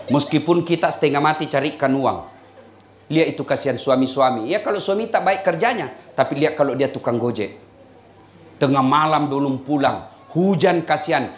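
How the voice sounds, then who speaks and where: A male Islamic preacher with a Makassar Indonesian accent, giving a humorous sermon in an animated, jokey way and often laughing as he talks. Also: high-pitched, reverberant, slight background noise.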